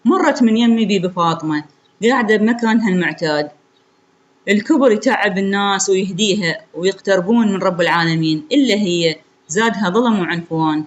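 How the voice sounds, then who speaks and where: A woman's voice: mid-range voice, brisk. A woman with an Iraqi accent telling a sorrowful story in the first person, in an intimate way.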